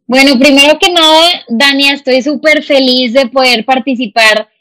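A woman in her twenties from Monterrey, with a northern Mexican accent, chats effusively and emphatically as a guest on a podcast in a casual conversational interview recorded over a remote call. Her voice is high-pitched and fairly bright, at a normal speed, with no room sound.

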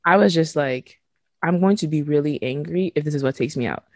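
A woman's voice: low-pitched, a little fast, no room sound. A woman in her twenties, from Nigeria, talking frankly and emotionally as a podcast host, swearing casually and laughing between thoughts. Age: 20s. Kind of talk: candid podcast conversation.

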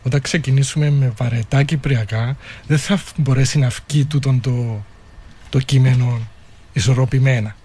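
A man of middle pitch speaks with a Cypriot Greek accent. He talks in an unscripted discussion, thinking aloud in a halting way. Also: steady tone, dark tone, husky.

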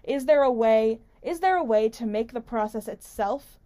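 A woman's voice: on the high side, animated, moderate pace, mellow. A woman hosting a talk radio show, giving casual, unscripted political commentary in a rambling, conversational way with emphatic stresses and frequent self-interruption. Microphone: studio-style microphone pulled close, with squeaky stand.

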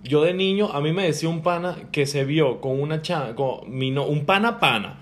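A young man with a Venezuelan accent, chatting casually and acting out quotes in slangy, animated talk. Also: a little high, normal speed. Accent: Venezuelan Spanish. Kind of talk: casual chat.

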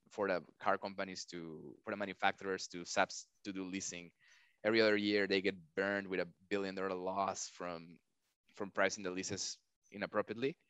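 Bright-voiced man explaining business figures. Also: lowish voice, smooth, dry recording. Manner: explains step by step, many restarts. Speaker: startup founder guest. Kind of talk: casual interview chat. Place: lives in a large city.

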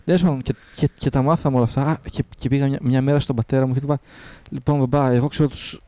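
A man's voice: medium pitch, fairly even intonation, mellow, no room sound. A man co-hosting a podcast, telling a long story in casual chat and often restarting his sentences. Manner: rambling storyteller, many restarts. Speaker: podcast co-host.

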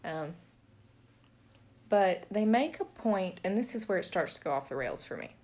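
Chatty woman, slightly low voice. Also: sing-song, normal speed, a little mellow. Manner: chatty, joking, laughs often. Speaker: podcast co-host. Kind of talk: casual book discussion. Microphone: podcast mic.

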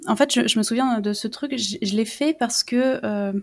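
A woman's voice: fairly high pitch, normal speed. A woman from France, a guest in a casual interview, talking openly in a chatty, self-doubting way. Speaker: guest, content creator.

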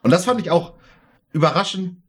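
A man with a raspy smoker's voice, chatting casually and informally as a podcast co-host. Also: sits high, lively intonation, a little fast. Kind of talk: casual chat.

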